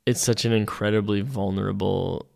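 Low gravelly man hosting a podcast. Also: normal speed. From Canada. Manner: relaxed, reflective, talks through thoughts with fillers. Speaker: podcast host. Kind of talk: casual podcast interview.

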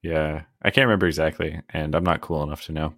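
Speaking fast in a very deep, low voice, a podcast co-host rambles good-naturedly through a casual chat. He's self-deprecating and breaks into laughter often. The sound is close and dry, with no room echo.

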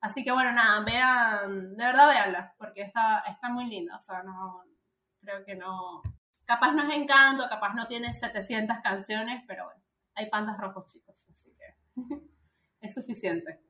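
A woman's voice: a little high, moderate pace, sharp tone. A woman in her thirties, chatting animatedly about a film as a podcast co-host, with lots of fillers. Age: 30s. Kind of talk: casual film review chat. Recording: echoey room.

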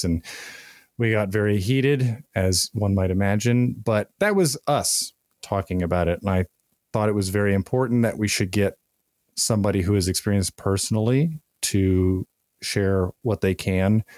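A man's voice: on the low side, normal speed, darkish tone, dry recording, clean studio sound. A man hosting a podcast, introducing the episode and putting questions to a guest. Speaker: podcast co-host, interviewer.

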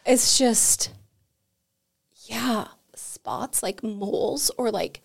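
A woman's voice: fairly high pitch, drawn-out words, gravelly. A woman who runs an energy healing center, telling anecdotes in casual, chatty talk full of "like" as a podcast guest. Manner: chatty, peppered with "like", animated anecdotes. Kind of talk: casual conversational storytelling.

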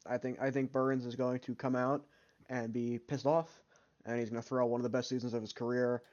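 A man co-hosting a casual sports podcast, lively and teasing with his friends. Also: mid-range voice, brisk. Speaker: podcast co-host. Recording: slightly dull lo-fi sound.

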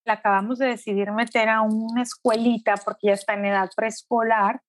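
A middle-aged woman and mother telling her story in an earnest, reflective way, often slowing down. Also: fairly high pitch, level tone, no room sound. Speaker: interviewee, mother. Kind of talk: emotional personal testimony.

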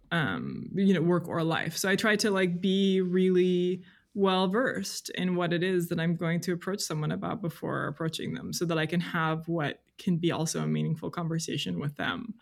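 A creaky voice on the low side belongs to this woman, a freelance journalist guesting on a podcast. The conversation is relaxed, and she sounds hesitant and reflective as she works out what she wants to say.

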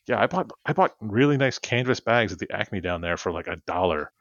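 Gravelly-voiced man telling a rambling story. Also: fairly low pitch, animated, brisk, fairly bright tone, no echo. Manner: rambling storyteller, laughs often. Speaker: podcast co-host. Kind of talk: casual chat. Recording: dull, lo-fi sound.

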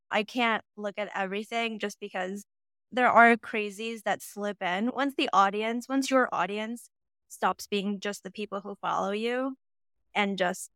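A woman of thirty with vocal fry, chatting candidly and with self-deprecation as a guest in a casual podcast interview. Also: mid-range voice, fairly bright tone, no room sound, studio quality. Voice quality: distinctive voice. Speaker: guest, social media content creator.

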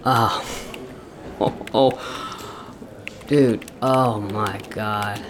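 A man plays a bewildered office worker, stammering and giving awkward agreement in a very slow drawl. Faint keyboard typing and room noise play behind him. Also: lowish voice, steady tone. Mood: baffled. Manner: awkward, stammering, laughing along. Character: baffled male coworker humoring a colleague.

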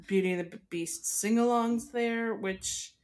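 Casting: young Canadian woman podcast co-host, slow easygoing delivery, chatty and giggly. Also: on the high side, fairly even intonation, darkish tone. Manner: chatty, giggly, playful with French words. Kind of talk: casual chat.

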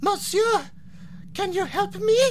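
Shrill, tearful little French shepherd girl, played by a man, comic storybook voice, noisy background. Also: slow pace. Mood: pleading. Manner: wailing, high-pitched, French-accented exclamations.

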